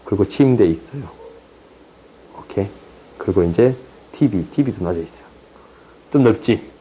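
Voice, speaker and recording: A young man tutoring high school math in a chatty, teasing way, often checking that students follow. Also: expressive, moderate pace, mellow, slight background noise, rough recording. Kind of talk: casual online math lesson.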